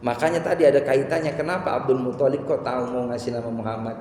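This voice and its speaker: A middle-aged man preaching a sermon, telling a personal story in a conversational way that swells into impassioned, high-pitched delivery. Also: fairly even intonation, quick pace, a little mellow, a little hiss or hum. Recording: echoey hall with faint ambience.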